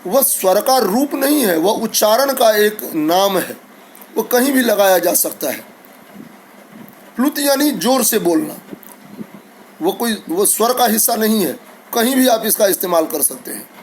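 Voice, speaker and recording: A man with a fairly high voice teaches school pupils at an unhurried pace, reciting each letter patiently. He addresses his students kindly and sends them his blessings. Faint background noise sits under the recording. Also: animated, low-quality recording. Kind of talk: online lesson for school students.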